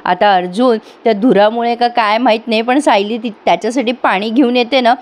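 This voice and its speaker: A woman's voice: a little high, a little fast. A woman retelling a TV serial episode to her viewers in a chatty, storytelling way. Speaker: TV serial reviewer.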